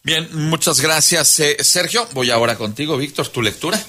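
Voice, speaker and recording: A man's voice: a little high, moderate pace, sharp tone. A man with a Mexican accent hosting a radio political panel, chatty, with many fillers and long asides. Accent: Mexican Spanish.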